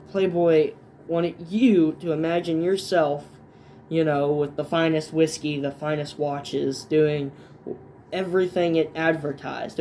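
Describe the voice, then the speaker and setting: A man narrates a history video in a mellow, somewhat high voice. He reads his scripted lines, then drops into loose, casual asides full of fillers and restarts. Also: a little hiss or hum. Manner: fillers and restarts between points. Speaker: video essay host.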